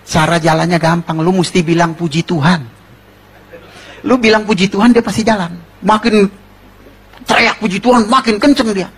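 Very husky man preaching casually. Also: high voice, normal speed. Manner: jokey storytelling, rhetorical questions to the congregation; slangy and informal. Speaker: preacher giving a testimony. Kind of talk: conversational sermon.

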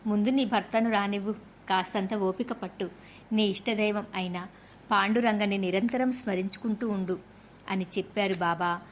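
A woman reading a devotional story aloud as scripted narration, reading steadily and softening her voice for the quoted speech. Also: medium pitch, steady tone, moderate pace, a little hiss or hum.

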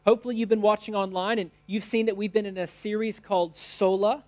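Indoors on a church stage, a teaching pastor in his thirties with an American accent delivers a sermon in short phrases. His voice is high-pitched, steady and brisk.

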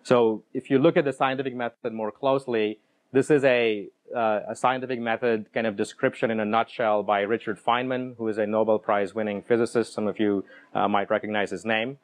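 Speaking fairly quickly with a low voice and fairly even intonation, a middle-aged keynote speaker addresses a conference audience through a handheld mic. He often restarts sentences and repeats words as he lays out his ideas.

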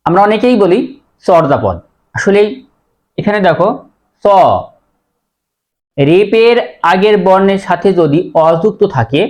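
A man teaching a pronunciation lesson, explaining rules step by step and repeating each word slowly. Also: high voice, darkish tone.

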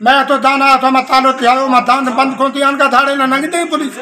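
A man's voice: extremely high pitch, flat delivery, a little fast, bright, forceful tone, far from the mic. An older man from Pakistan, a farmer, pleading in an agitated way to reporters at an outdoor market. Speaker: protesting farmer. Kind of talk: street interview complaint.

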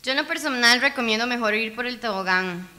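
A young woman giving excitable let's play commentary, cheering and pleading at the game and bursting into cries. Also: a little high, a little fast. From Costa Rica. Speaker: gamer.

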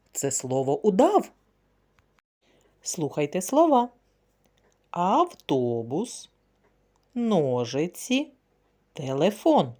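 A woman's voice: a little high, dark tone. A woman kindergarten teacher leading a phonics word game for young children, speaking in a sing-song, encouraging way.

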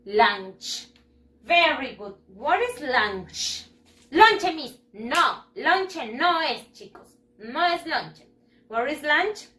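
A woman's voice: high voice, expressive, extremely slow, sharp tone, reverberant. A woman teaching English to first graders, drilling words and giving cheerful praise. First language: Spanish. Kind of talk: bilingual lesson to children.

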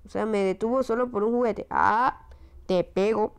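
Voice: mid-range voice, steady tone, normal speed, gravelly, clean tone. A casual let's-play commentator who chats, mutters and reacts jumpily to scares. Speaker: gameplay commentator.

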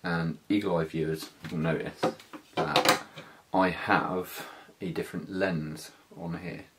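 A British man in his thirties with a deep, low voice talks through gear in a casual vlog style. His delivery is informal, slangy and a little hesitant. The indoor recording carries faint background noise and small handling clicks. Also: flat delivery, takes it slowly, fairly bright tone. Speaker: motovlogger. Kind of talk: casual hands-on product walkthrough. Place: small living room, indoors.

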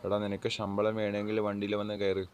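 A man voicing a brisk company boss who lays off a worker, in an amateur dub of a game short film. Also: lowish voice, monotone, clear, resonant tone, lightly acted. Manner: brisk and matter-of-fact. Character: male company boss, blunt and businesslike.

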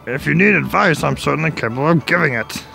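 A man's voice: on the high side, lively intonation, fast talker, vocal fry, bright, forceful tone, voice pushed up, heavily acted. A man reading game dialogue aloud as an elderly male professor, in a mild put-on voice over faint game music. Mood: welcoming.

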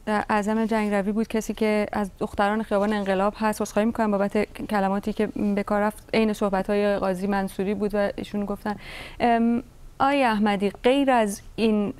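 A woman's voice: medium pitch, darkish tone, clear, resonant tone. A woman news presenter leading an interview, asking questions in a composed way with brief hesitations. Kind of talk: broadcast interview.

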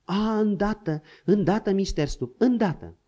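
An eager young servant answers in a raised, high voice, quick to please, as a man puts him on. The audiobook sounds dull and lo-fi. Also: dark tone, close to an everyday voice.

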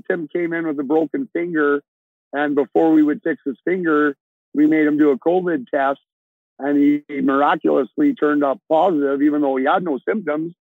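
A man in his sixties from Alberta talks from his truck cab over a video call, plain-spoken, rambling and restarting his sentences. The sound is dry and tinny, like a phone line, and his voice sits a bit high for a man. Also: dry recording. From Alberta, Canada. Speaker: trucker guest. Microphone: earbuds on a video call.

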